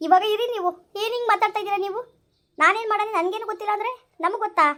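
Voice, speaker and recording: An exasperated young family member, played by a woman in an amateur comedy skit who argues back and pleads for calm. Her voice is extremely high and the words tumble out at great speed. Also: racing. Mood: protesting. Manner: protesting, pleading. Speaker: actor in a village family skit.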